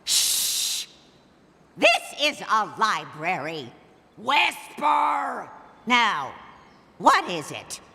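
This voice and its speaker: An actress playing a stern, prim town librarian in a cartoon adventure game, hushing and officious, with clipped, emphatic delivery. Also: female voice, on the low side, big pitch swings, slow pace, full character voice. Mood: scolding. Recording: long echoing reverb, library hall effect.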